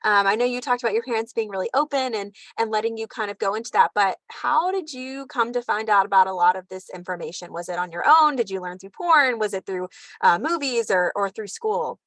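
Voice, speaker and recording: Fast-talking bubbly American woman. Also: mid-range voice, animated, fairly bright tone, no echo. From United States. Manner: bubbly, curious questioner. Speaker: host. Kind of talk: casual interview chat.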